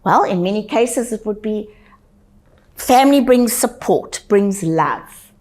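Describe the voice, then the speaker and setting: A woman giving a motivational webinar talk. She speaks emphatically and repeats key lines slowly for effect. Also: mid-range voice, animated, darkish tone. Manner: emphatic, slow deliberate repetition for effect. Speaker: wellness webinar presenter.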